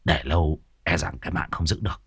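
A man voicing a stern middle-aged male exorcist who speaks low and clipped. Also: fairly even intonation, fast talker, vocal fry, fairly bright tone, husky, no echo, clean studio sound, full character voice. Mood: grave.

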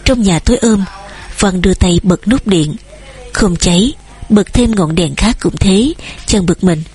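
A woman narrates an audiobook with a steady, storytelling delivery. Her voice is breathy and slightly husky, with a medium pitch. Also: unhurried.

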